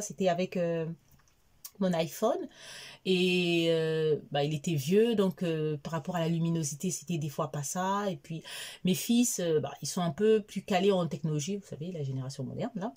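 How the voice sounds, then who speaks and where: A woman's voice: lowish voice, warm tone. A woman in her forties telling a casual diary vlog, chatty and rambling with many fillers. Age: 40s. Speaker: vlogger.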